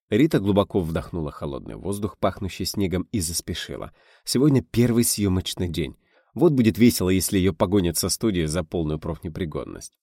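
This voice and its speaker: Low-voiced man narrating an audiobook with animation. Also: no echo, clean studio sound. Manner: animated storytelling, voicing characters.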